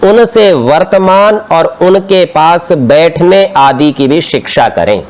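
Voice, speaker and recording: A man giving a scripture study lesson, explaining terms one at a time with everyday examples. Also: on the high side. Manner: explains slowly, term by term, with examples. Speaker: religious teacher. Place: outdoor courtyard class.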